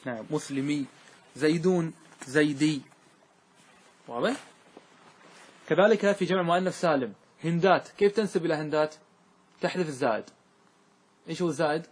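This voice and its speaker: Middle-aged guy teaching grammar, husky voice, keeps asking the class questions, stretches out words. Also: a little high, a little fast, long pauses. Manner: questioning, repeats and drawls out example words. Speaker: religious scholar teaching grammar. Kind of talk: classroom lesson with questions to students.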